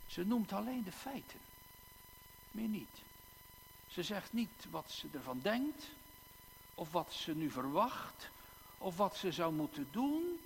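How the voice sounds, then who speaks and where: A male pastor preaching a sermon in a church, slow and emphatic, with long dramatic pauses and repeated words. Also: high voice, sing-song, gravelly. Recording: echoey church hall, faint hum.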